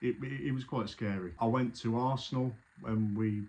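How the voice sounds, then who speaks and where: A man's voice: mid-range voice, fairly even intonation, normal speed, a little mellow. A man, a football fan, recounting an away trip in a casual, rambling way with frequent restarts. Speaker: football fan telling his story. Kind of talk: casual spoken recollection.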